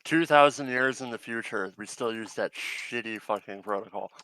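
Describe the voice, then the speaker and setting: Bright-voiced man running a tabletop game. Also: lowish voice, normal speed, dry recording, rough recording. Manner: casual, hesitant with many fillers. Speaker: game master.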